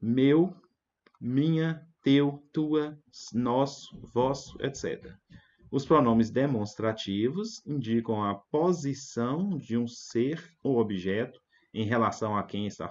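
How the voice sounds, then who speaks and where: A man's voice: mid-range voice, lively intonation, a little mellow, highs cut off. A man with a Brazilian Portuguese accent, a teacher patiently explaining grammar to schoolchildren, asking "né?" often. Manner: patient, repeats words slowly and asks "né?" often. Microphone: desk setup with digital pen tablet.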